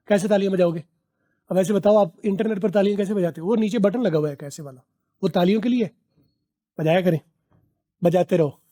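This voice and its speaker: High-voiced man teaching English phrases. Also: warm tone. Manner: slow drilled English phrases between quick explanations. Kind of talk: spoken English lesson.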